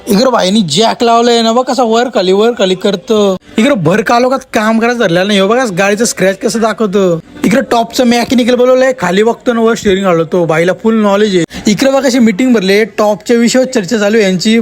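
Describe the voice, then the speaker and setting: A man's voice: high-pitched, a little fast. A man giving comic voice-over commentary on his vlog, teasing his friends in a mock-amazed tone. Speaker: vlogger.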